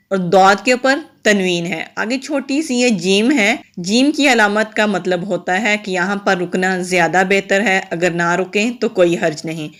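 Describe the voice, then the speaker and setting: A woman teaching Quran recitation goes patiently through each letter and rule in a step-by-step tajweed lesson. Her voice is mid-range and a bit bright.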